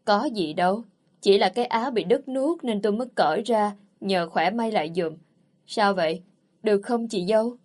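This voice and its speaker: A man's voice: high voice, normal speed, a little mellow, lightly acted. A woman reading the part of a sly young man who teases and gloats, in a lazy, taunting way. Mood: teasing. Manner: lazy, teasing.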